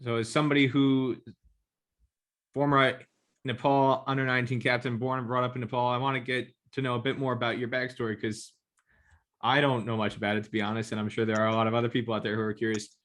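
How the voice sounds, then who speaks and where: A man's voice: mid-range voice, flat delivery, fast, fairly bright tone. A man hosting a podcast, asking direct, curious interview questions. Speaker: podcast host.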